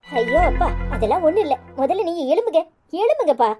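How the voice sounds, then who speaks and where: Woman doing a distressed young wife, Tirunelveli Tamil accent, very high voice, indignant, cartoon serial. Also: sing-song, fairly quick, over music. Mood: pleading. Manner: anxious, indignant, urging.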